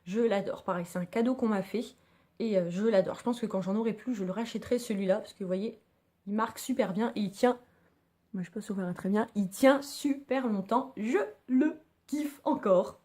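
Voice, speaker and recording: A woman's voice: medium pitch, a little fast, dark tone. A woman chatting enthusiastically to her viewers as she reviews her favorite makeup. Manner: chatty, enthusiastic, slangy, addresses viewers as girls. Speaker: beauty vlogger. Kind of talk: casual product review.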